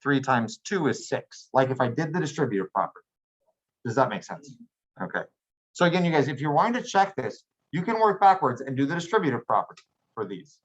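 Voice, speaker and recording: A man's voice: medium pitch, big pitch swings, fairly quick, slightly rough. Male teacher, classroom lecture, patient and step by step, slightly dull lo-fi sound. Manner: checks in with students often, patient and plain. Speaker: math teacher.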